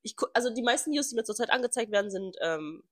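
A young woman co-hosting a podcast in casual chat, chatty and quick to laugh, sometimes searching for words. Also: a little high, expressive. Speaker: podcast co-host.

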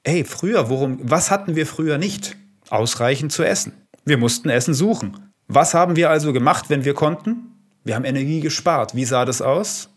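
Male health coach, podcast guest, slightly high voice, punchy and upbeat. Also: normal speed. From Italy. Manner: energetic, punchy short statements, asks rhetorical questions. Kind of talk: podcast conversation.

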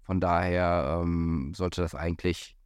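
A man's voice: deep voice, steady tone, slow, clear, resonant tone, no echo, clean studio sound. A man talking as a golf pro in a casual podcast chat, hesitant, with many fillers and restarts. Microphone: studio microphone.

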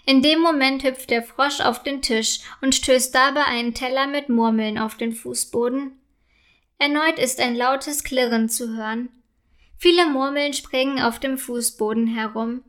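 A woman reading a children's story aloud in a gentle, measured way. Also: sits high, fairly even intonation.

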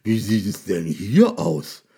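A giant, grumpy garbage monster with a deep, dark voice, as a male storyteller gives him lines. He talks slowly and sounds bewildered, in a soft, slightly husky tone. A lumbering storybook creature. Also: lively intonation, heavily acted. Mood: dismayed.

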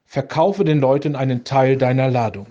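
A man's voice: medium pitch, normal speed, warm tone, lo-fi sound, natural voice. A man reading as a kindly determined bishop. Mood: urgent.

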